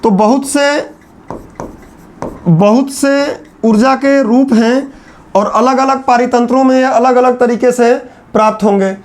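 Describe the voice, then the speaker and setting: A man giving a classroom lecture at a board, repeating phrases slowly so students can write them down. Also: very high-pitched, steady tone. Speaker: teacher.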